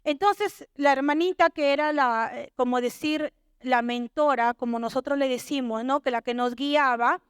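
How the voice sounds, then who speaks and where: High-voiced woman preaching testimony. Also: normal speed, smooth, dry recording, clean studio sound. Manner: animated storytelling, acts out quoted dialogue. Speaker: church sister giving testimony. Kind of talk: testimony sermon.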